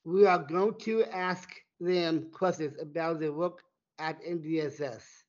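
A man in his twenties, the board's vice chair, reading prepared lines slowly and deliberately. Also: a little high, fairly even intonation. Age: 20s. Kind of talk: reading scripted podcast lines. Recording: dull lo-fi sound.

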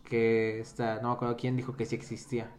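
Man, podcast co-host, laid-back banter, mid pitch. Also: monotone, brisk, a little mellow. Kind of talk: casual chat.

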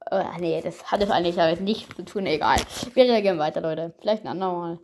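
A woman's voice: on the low side, quick pace, a little mellow, slight background noise. A woman giving casual, slangy, exasperated reaction commentary as host, her voice run through a voice changer. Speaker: host reacting to audio drama.

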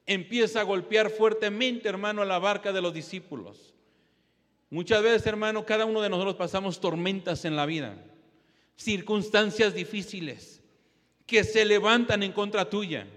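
A fervent male preacher with a high voice delivers an exhorting sermon, addressing the congregation as brother over and over. His voice carries a long reverb from a large church hall. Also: a bit bright.

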